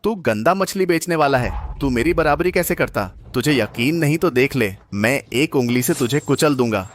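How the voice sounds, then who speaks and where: A man's voice: mid-range voice, normal speed, a little hiss or hum, lightly acted. An actor dubbing an arrogant, jealous rich young man who insults and threatens his rival. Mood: contemptuous. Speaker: rival suitor. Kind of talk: Hindi dubbed short drama. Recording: dubbed voice with music behind.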